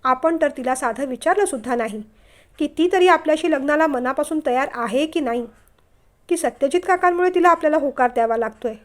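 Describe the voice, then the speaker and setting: A woman narrating a family novel aloud, expressive and emotional. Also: high-pitched, brisk. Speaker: story narrator. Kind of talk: scripted story reading.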